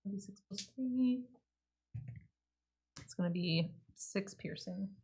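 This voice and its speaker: A woman's voice: medium pitch, takes it slowly, a little mellow. A woman playing a tabletop game in casual chat, blunt and joking. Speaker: player.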